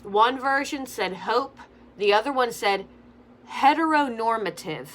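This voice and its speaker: A young woman, a makeup vlogger, chats away with opinionated commentary while applying her makeup, sprinkling "like" throughout her talk. Her voice is on the high side, animated and unhurried. There is faint background noise.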